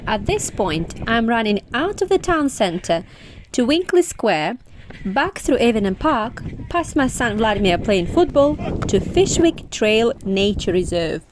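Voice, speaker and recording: A woman's voice: on the high side, sing-song, unhurried, noisy background. A woman vlogger giving scripted, informative travel narration. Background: music.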